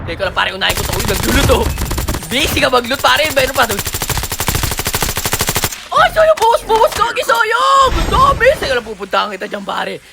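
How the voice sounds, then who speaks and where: Excitable gamer, squealing highs, gunfire behind. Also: male voice, normal speed, gravelly, pauses often, heavy background noise. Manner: excitable, swings from low mutters to high squeals and shouts. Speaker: gaming streamer. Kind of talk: casual live game commentary. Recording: game audio with gunfire behind.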